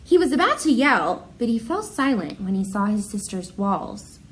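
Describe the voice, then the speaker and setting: Reading a picture book aloud, a woman teacher talks directly to her young pupils with an expressive, encouraging manner. Her mid-range voice moves at a normal speed, and the recording quality is low.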